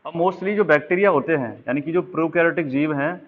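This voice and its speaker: A man's voice: a little high, a little fast. Man teaching over a tinny line. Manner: explaining while drawing diagrams, frequent check-ins. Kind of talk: exam-prep biology lesson. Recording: tinny phone-like sound.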